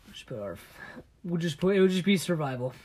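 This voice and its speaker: A man co-hosting a casual chat podcast, telling stories in a halting way full of restarts and often dropping his voice low and conspiratorial. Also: expressive, a little mellow, breathy edge. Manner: halting storyteller with many restarts. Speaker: podcast co-host.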